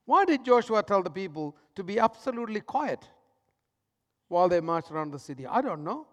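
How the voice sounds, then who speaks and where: A man with a high-pitched voice preaching a sermon in a big echoing church hall. He pushes some lines out loudly, then drops others to a near-whisper. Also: expressive, a little fast. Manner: dramatic swings between loud emphasis and hushed, soft lines. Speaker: pastor.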